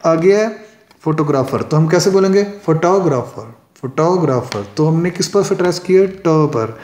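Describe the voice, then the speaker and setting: A man teaching an English lesson, explaining terms in Hindi and Urdu, reading the English definitions slowly and repeating words to show their stress. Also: high voice, expressive, a little mellow. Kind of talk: classroom lesson explaining poetic meter. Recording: echoey room.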